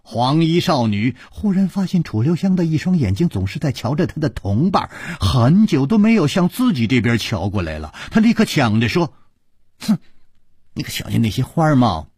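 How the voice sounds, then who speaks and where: Animated male storyteller, husky voice. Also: a little high, moderate pace, hardly any pauses, no echo, studio quality. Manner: animated, voicing every character. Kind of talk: Chinese long-form storytelling broadcast.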